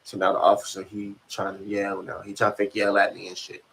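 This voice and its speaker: A man's voice: lowish voice, monotone, fairly quick, creaky, a bit bright, a little hiss or hum, rough recording. A young man spins a casual story in loose street slang, cursing freely. He keeps checking in with his listener to make sure they follow. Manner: slangy, profane, keeps asking if you follow. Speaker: rapper and channel host.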